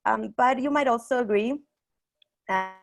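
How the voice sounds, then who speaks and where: Creaky-voiced young woman with a Mexican accent. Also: a little high. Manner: hesitant, halting. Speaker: online meeting host. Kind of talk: semi-formal welcome speech.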